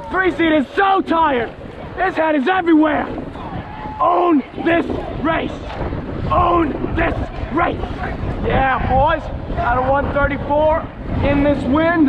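A coxswain calling a race while rowing, shouting repetitive, urgent motivational commands to the crew in a very high-pitched voice. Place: outdoors in a racing boat on open water. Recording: muffled on-board microphone, loud wind and water noise.

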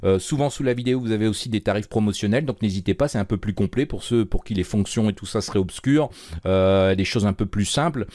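Low-voiced man explaining code. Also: quick pace, no room sound, clean studio sound. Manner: relaxed, chatty, many fillers and restarts. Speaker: programming course instructor. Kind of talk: screen-recorded coding tutorial.

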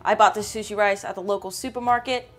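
A woman's voice: mid-range voice, steady tone, quick pace, a bit bright, soft background music. A young woman hosting a fishing and cooking vlog, enthusiastically explaining each step as she fillets fish and makes sushi. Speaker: fishing and cooking channel host.

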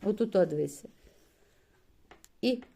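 Slow, patient woman teacher. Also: mid-range voice, expressive, gravelly, mellow, slightly rough. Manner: patient, coaxing, frequent praise, drawn-out sounds. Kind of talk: one-on-one reading lesson with a child.

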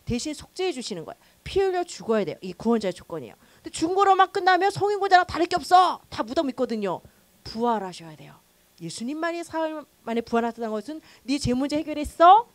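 A woman pastor teaching a new-member church class in an animated, conversational way, acting out quoted voices. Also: high voice, fast, no echo.

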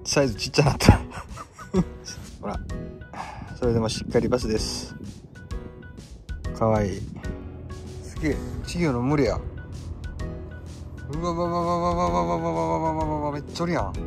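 A young man with a Kansai accent chatting excitedly while fishing outdoors on a lake, with quick exclamations. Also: on the high side, vocal fry, music in the background. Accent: Kansai Japanese. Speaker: fishing vlogger. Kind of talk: casual commentary while fishing.

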